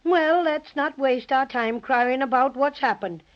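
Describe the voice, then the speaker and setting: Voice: high voice, a little slow. A small cheerful cinnamon bear. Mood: encouraging. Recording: muffled 1930s radio transcription.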